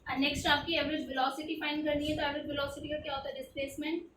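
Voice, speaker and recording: A woman's voice: high voice, flat delivery, fast talker, far from the mic, background noise. A woman tutoring a textbook physics problem, asking questions and answering them herself, with English terms mixed in. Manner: mixes English terms into her explanations. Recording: echoey room, away from the mic.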